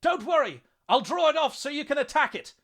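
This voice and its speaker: A man voicing a frantic, overconfident young guardsman who yells taunts with reckless bravado. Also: very high voice, big pitch swings, a little fast, creaky, voice pushed up, full character voice. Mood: taunting shout.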